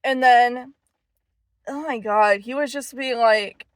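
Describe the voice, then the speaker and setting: A young woman rambles through a story, full of fillers and swearing. Her voice sits fairly high and she takes her time. The sound is dry and close. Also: slow pace, no room sound. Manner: profane, filler-heavy, rambling. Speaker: vlogger. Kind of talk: casual storytelling.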